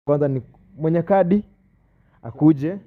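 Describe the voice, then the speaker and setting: A man's voice: on the high side, moderate pace, phone-quality sound, soft background music. A man with a Kenyan accent casually hosting a party game, calling out instructions to the group. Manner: calls out instructions to players. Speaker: host and moderator of a party card game.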